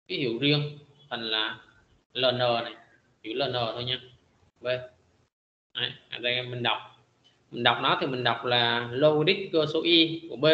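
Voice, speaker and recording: A middle-aged man teaching a high school math class in a classroom lecture, filling his pauses with frequent hesitant "à" sounds. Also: roomy sound, lo-fi sound.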